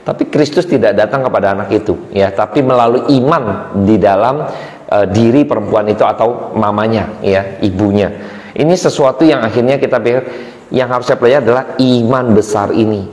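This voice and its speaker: A middle-aged man preaching a sermon as pastor, talking in a chatty, animated way with many fillers. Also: lowish voice, a little fast. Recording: roomy hall with long reverb.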